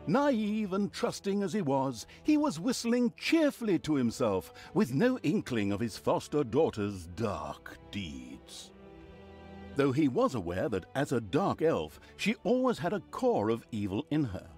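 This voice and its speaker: A man's voice: on the high side, huge pitch swings, measured pace, a little mellow, soft background music. A man voicing a sardonic game narrator who tells the story with mocking, theatrical asides. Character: sardonic male narrator who gloats over evil deeds.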